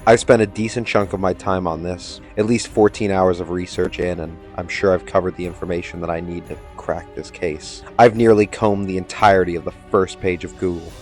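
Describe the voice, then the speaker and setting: A man giving scripted comedic narration, sardonic and crude with a deadpan delivery. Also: low voice, a little fast, hardly any pauses, soft background music. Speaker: commentary narrator.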